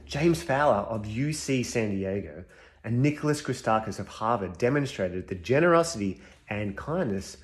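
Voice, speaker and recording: A man's voice: on the low side, lively intonation, normal speed, lightly acted. A man playing a scruffy, cocky expert on compassion who confidently lectures through a list of studies in a comedic school chapel sketch. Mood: cocky lecturing. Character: scruffy bearded male compassion specialist, cocky.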